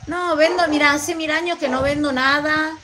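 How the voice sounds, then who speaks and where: Woman, Mendoza Argentine accent, high-pitched, affectionate livestream chatter. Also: steady tone, normal speed, background noise. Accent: Mendoza Argentine Spanish. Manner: chatty, affectionate, rambling with fillers. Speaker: vlogger reading live chat. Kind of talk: live stream chat.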